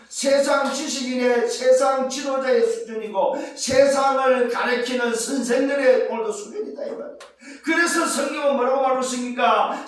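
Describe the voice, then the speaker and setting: A male pastor preaching a sermon, asking rhetorical questions, repeating his points and rising to shouts at the climaxes. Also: very high-pitched. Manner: rhetorical questions and emphatic repetition. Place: church sanctuary. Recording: very echoey church sanctuary, distant mic.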